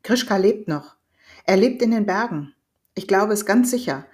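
A woman's voice: medium pitch, animated, normal speed, natural voice. A woman voicing Orsok, a proud hunter. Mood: earnest. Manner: earnest, determined. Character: proud hot-blooded male hunter and father. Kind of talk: audiobook reading.

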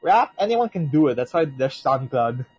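Young guy host, husky voice, loose rambly talk, swears a lot. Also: medium pitch, sing-song, moderate pace, darkish tone, no echo, rough recording. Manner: rambling, swears, many restarts and laughs. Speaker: podcast co-host. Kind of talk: casual chat.

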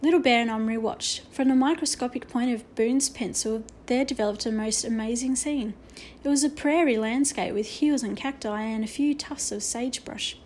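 A woman reads a children's story aloud, steady and expressive. Her voice sits a little high for a woman. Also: normal speed, hardly any pauses, slight background noise. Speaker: audiobook narrator. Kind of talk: children's book reading.

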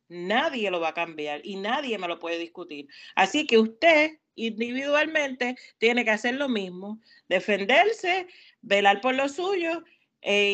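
A woman's voice: a little high, a bit bright. A Puerto Rican woman co-hosting a podcast, speaking earnestly and giving direct, emphatic advice. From Puerto Rico. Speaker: podcast co-host. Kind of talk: casual chat.

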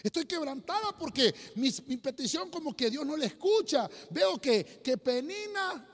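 A man's voice: high voice, big pitch swings, moderate pace, mellow, husky, pitched below the performer's own voice, heavily acted. A man voicing an anguished pleading woman. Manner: raised pleading voice, repeating complaints. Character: grieving childless woman pleading at the altar. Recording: long hall reverb.

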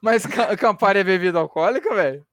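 A man's voice: high voice, animated, a little fast, a bit bright. A young man with a Brazilian Portuguese accent joking in slangy, casual group chat.

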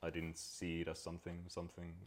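A man from Finland, a guest talking reflectively and pausing to search for words. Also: sits low, monotone. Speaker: podcast guest. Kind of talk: casual conversation.

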